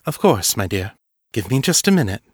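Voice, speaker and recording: A man voicing a strong, composed female vampire who speaks briskly and with assurance. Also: on the low side, sing-song, breathy edge, no echo, clean studio sound. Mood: calm.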